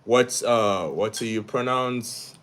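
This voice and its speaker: A man's voice: lowish voice, slow, a bit bright. A young man from Uganda, hosting a live stream where he talks through social issues and reads viewer comments, often repeating words and restarting his sentences. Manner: asks "yeah?" after each point. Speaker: livestream host.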